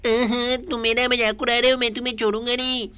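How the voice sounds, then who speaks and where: Guy doing a bratty little kid voice, grunty, bright tone, dry mic. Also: mid-range voice, little pitch movement, a little fast, smooth, no echo, voice pushed up, lightly acted. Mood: teasing. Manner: nasal grunting "ahem" between lines. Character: cheeky little boy, teasing and boastful. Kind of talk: fan dub of a game video.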